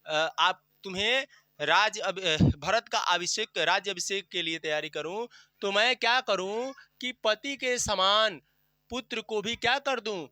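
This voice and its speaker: A man with a high, very bright voice teaches a class, explaining a poem line by line. He keeps asking questions and answering them himself. The sound is dry and close, with no room echo. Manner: recites verse slowly and drawn out.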